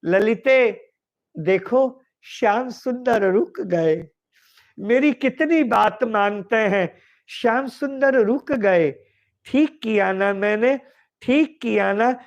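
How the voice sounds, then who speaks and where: A man's voice: sits high, slow pace, muffled recording. A male preacher voicing a lovesick young divine woman who begs her beloved to stay, repeating her pleas tearfully. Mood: delighted. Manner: tearful, repeats pleading words over and over. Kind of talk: devotional storytelling.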